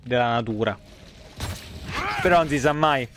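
A live streamer in an indoor room talks over his webcam stream, his medium-pitched voice unhurried against a noisy background. He gives casual, exclamatory, sweary commentary on a game, with game sound, effects and ambience running behind him.

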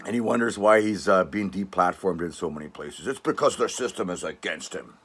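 A man's voice: low voice, fairly quick, a bit bright, slightly rough. An older man from Canada hosting his own channel, ranting at viewers with sarcastic, mocking scorn, rambling with restarts and tag questions like "eh" and "all right". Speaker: channel host.

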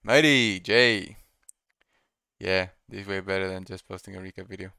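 A young man doing casual live trading commentary, thinking out loud and repeating his phrases as he muses. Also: sits low, completely flat delivery, quick pace, vocal fry, clear, resonant tone, no room sound, clean studio sound. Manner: repeats phrases while musing to himself. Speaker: day trader streaming live. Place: small room indoors at a computer desk.

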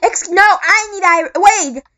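A gamer giving casual let's-play commentary, excitedly calling out to teammates. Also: extremely high pitch, unhurried. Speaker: gamer playing with friends.

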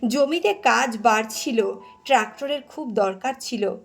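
A woman's voice: fairly high pitch, a little slow, vocal fry, faint music behind. A woman reading as a stern older brother. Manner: stern, firm.

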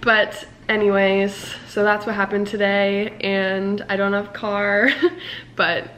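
A young woman tells a story to her vlog audience in a relaxed, unhurried way. She giggles between lines. A clear hum of noise sits under her voice. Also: medium pitch. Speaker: vlogger. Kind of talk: casual vlog chat.

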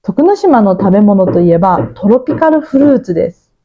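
A woman from Tokunoshima, hosting a Japanese listening-practice lesson, explaining things clearly and often asking her listeners questions. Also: medium pitch, expressive, brisk, narrow, tinny audio. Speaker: Japanese teacher and podcast host.

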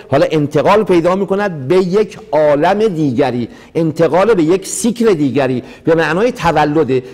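A man's voice: on the high side, a little mellow. A middle-aged man teaching mystical texts in a lecture to a seated audience, full of rhetorical questions and small acted-out dialogues. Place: hall with a live audience.

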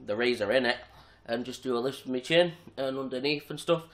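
A young man chats casually in his home vlog. His voice sits at an ordinary middle pitch. He talks in a relaxed, rambling way, often with restarts. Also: fairly quick. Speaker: vlogger.

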